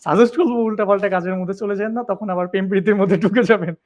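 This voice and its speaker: A man's voice: high-pitched, fairly even intonation, very fast. A man hosting a casual interview, talking in a hesitant way with many fillers. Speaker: podcast host. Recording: dull lo-fi sound.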